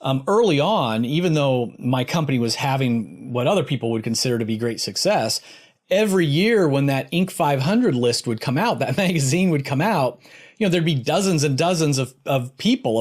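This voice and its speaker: A middle-aged man hosts a podcast, reading a scripted intro and then interviewing a guest conversationally. His mid-range voice has lively intonation and a moderate pace.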